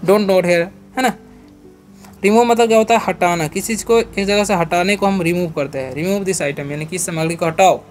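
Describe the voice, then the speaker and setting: High-voiced man teaching English words. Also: faint music behind. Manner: spells words letter by letter, slows down for English example sentences; repeats each question and answer as a drill. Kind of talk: phonics and vocabulary lesson.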